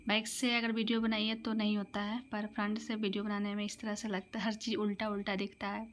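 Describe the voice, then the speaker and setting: A woman talking casually to her viewers in a home vlog, speaking softly and often near a whisper. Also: medium pitch, a little hiss or hum. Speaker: vlogger.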